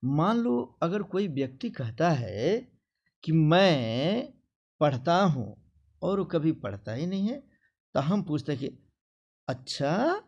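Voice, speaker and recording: A male teacher explains a grammar lesson to children. He speaks slowly with a gravelly edge, and his pitch rises and falls widely. He acts out example phrases in a sing-song way. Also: sing-song, a little mellow, lo-fi sound.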